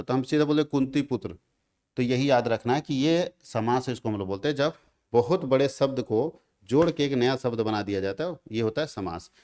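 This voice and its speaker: A man's voice: mid-range voice, darkish tone. A male teacher giving an exam revision lecture. He goes over each point twice and keeps checking that students follow.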